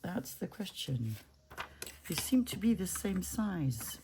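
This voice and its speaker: A woman's voice: lowish voice, very animated, takes it slowly, background noise. A woman vlogger from France and Italy, thinking aloud and chatting to her craft materials, often dropping to a whisper. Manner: muses aloud, talks to her craft pieces, drops into whispers. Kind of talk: casual talk-along while crafting.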